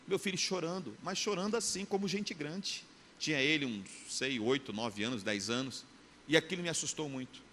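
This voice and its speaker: A man with a Brazilian Portuguese accent preaching a sermon as pastor, telling stories vividly and acting out the scenes. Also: medium pitch. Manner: animated storyteller, acts out scenes. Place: church hall. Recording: long church reverb, faint room noise.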